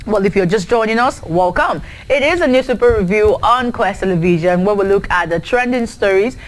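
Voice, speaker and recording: A Nigerian woman hosting a morning newspaper review on air. She reads each headline and page number at a brisk clip. Now and then she drops in a short aside of her own. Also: medium pitch, animated, poor audio. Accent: Nigerian English. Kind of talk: reading headlines and studio chat.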